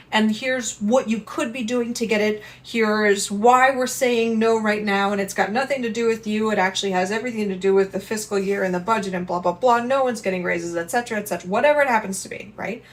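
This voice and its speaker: Woman giving casual advice to viewers. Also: a little high. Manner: earnest, conversational, addresses viewers directly. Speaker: lifestyle channel host. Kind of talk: casual advice talk to camera.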